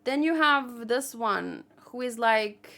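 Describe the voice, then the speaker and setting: Her voice is on the high side, gravelly and sharp, animated but slow. As host of a manga read-along channel, she gives loose, casual commentary, thinking aloud and frequently doubting herself.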